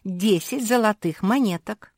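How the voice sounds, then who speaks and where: A woman voicing a spoiled, snobbish little Labrador puppy girl in a storybook, with a shrill, haughty manner. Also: measured pace, darkish tone, no echo, studio quality. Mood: pleading.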